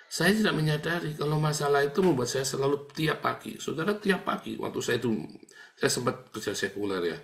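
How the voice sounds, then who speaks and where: A middle-aged pastor with a creaky voice on the high side preaches fairly quickly in a relaxed, conversational style. He often turns to address listeners, rising into emphatic lines and sinking into a quietly murmured prayer.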